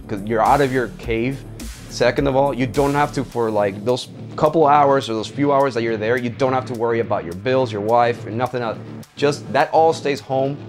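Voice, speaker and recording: A man in his thirties, an army medic veteran, giving a candid, profane interview in a dark studio with a joking, blunt manner. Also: mid-range voice. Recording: music underneath.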